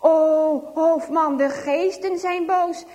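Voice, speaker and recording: A woman voicing a hoarse, power-hungry old village medicine man who speaks in slow, solemn pronouncements. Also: very high-pitched, steady tone, dark tone, in a large hall. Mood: solemn, ominous.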